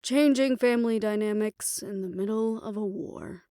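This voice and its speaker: Speaking in a smooth mid-range voice close to an everyday one, a woman plays a tender, world-weary lover for a romantic fantasy roleplay, measured, reflective and intimate in tone. Her formal phrasing carries soft hushed moments and a resigned mood, and this scripted monologue is studio quality without echo.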